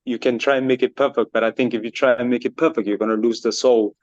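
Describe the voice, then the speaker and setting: A man's voice: mid-range voice, steady tone, fast, no room sound, muffled recording. A man from Botswana, a band member being interviewed, speaking earnestly with many fillers. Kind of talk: casual interview answers.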